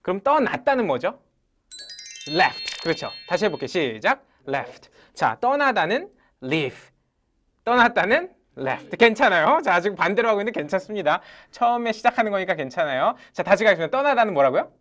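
A teacher leads an English lesson before a live audience in a lecture room, calling out phrases for the class to repeat and praising their answers. The voice is medium-pitched at a normal speed, energetic, loudly repeating drilled phrases.

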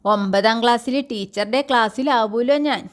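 A woman's voice: a little high, moderate pace, close to an everyday voice. A woman reading a story aloud, voicing a frightened teenage schoolgirl who pleads and breaks off mid-sentence through her tears. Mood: eager.

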